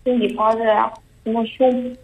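Calling in to confess on a talk show, a young woman keeps restarting her anxious, halting sentences. She sounds a little high but flat and even, and the dull, lo-fi audio resembles a phone call.

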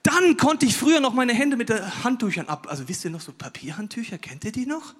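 A male stand-up comedian doing a chatty monologue, talking straight to the audience with rhetorical questions and swinging between loud outbursts and quiet asides. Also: extremely high pitch, expressive, brisk, breathy edge, big-room sound.

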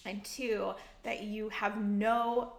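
A woman co-hosting a podcast, teasing and animated in casual storytelling. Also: mid-range voice, takes it slowly. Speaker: podcast co-host. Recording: roomy echo.

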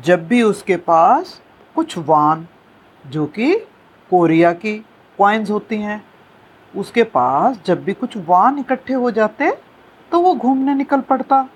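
A woman telling a folk tale in a slow, expressive storytelling manner, with a slightly husky voice. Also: mid-range voice. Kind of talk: storytelling narration.

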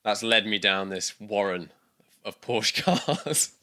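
Low, bright-voiced British man. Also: expressive, slow pace. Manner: rambling, many restarts and fillers. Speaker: guest. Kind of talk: casual interview chat.

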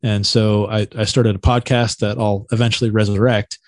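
A man's voice: lowish voice, level tone, moderate pace, dry recording. Man telling loose, slangy stories. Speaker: podcast guest, stand-up comedian. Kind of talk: casual storytelling.

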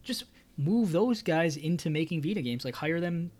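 A man's voice: a little high, expressive, normal speed, darkish tone. Laid-back man co-hosting a podcast. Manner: laid-back, enthusiastic, slangy. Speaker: podcast co-host. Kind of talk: casual chat.

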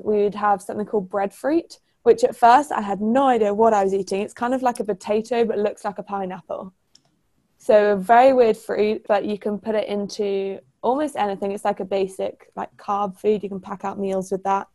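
A woman's voice: medium pitch, fairly even intonation, moderate pace, mellow. A young woman guest on a podcast, chatting casually and describing things with enthusiasm. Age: young adult. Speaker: podcast guest, former language assistant. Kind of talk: casual chat.

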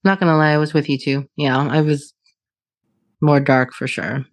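A woman's voice: deep voice, steady tone, moderate pace, dry recording. A woman in her late thirties, a podcast guest in casual chat, who swears freely, laughs often and restarts her sentences. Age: 30s.

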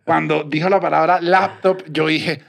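A Venezuelan man co-hosting a podcast, telling a story in a lively way and jumping into high voices when he quotes people. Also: moderate pace, vocal fry. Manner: animated, jumps into high mock voices when quoting. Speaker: podcast co-host. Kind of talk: casual chat, telling an anecdote.

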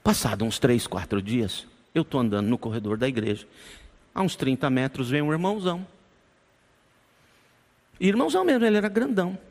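A man preaching a sermon, telling a personal story with emotion, dramatic pauses and touches of humor. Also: medium pitch, animated. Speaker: pastor.

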